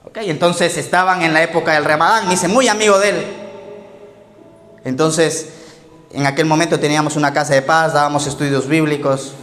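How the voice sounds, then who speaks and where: Pastor predicando en iglesia con eco. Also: male voice, on the high side, steady tone, moderate pace, a bit bright. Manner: storytelling, asks the congregation questions, laughs at his own jokes. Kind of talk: sermon. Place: church hall. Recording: echoey church hall with faint music.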